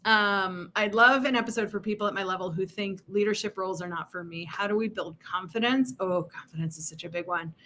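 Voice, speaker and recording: A woman's voice: mid-range voice, brisk, hardly any pauses, bright, forceful tone, a little hiss or hum. A woman co-hosting a live-stream podcast, reading out listener topic ideas and chatting with many ums and frequent laughs. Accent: General American, New York accent lost. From New York. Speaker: podcast co-host.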